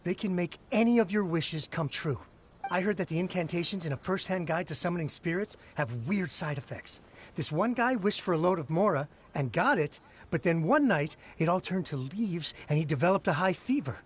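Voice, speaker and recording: A man's voice: high-pitched, lively intonation, moderate pace, a little hiss or hum. A man voicing a gossipy young townsperson in a game, eagerly passing on rumours.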